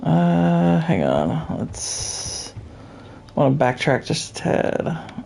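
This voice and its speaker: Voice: medium pitch, sing-song, slow, creaky, a little mellow, a little hiss or hum. A gamer giving dry, understated commentary while playing a video game. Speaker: let's play gamer. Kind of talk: casual gameplay commentary.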